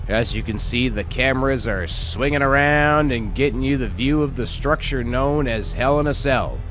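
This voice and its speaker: A man hosting and commentating on a wrestling video game, chatty and improvised, with excited play-by-play. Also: mid-range voice, normal speed, slight background noise. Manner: chatty, self-deprecating, improvised.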